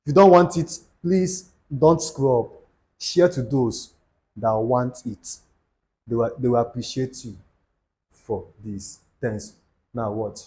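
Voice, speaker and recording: In a medium-pitched, slightly mellow voice and at a slow pace, a young Nigerian man with an Igbo accent hosts a YouTube channel, preaching motivation to camera repetitively and adding the odd Pidgin aside.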